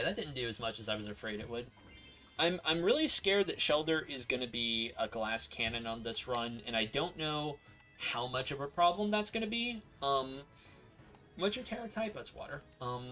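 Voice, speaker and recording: A man live-streaming a video game, chatting excitably with his viewers as he plays. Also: a little high. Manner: excitable, chatty, talks to viewers while playing. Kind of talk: live-stream gameplay commentary.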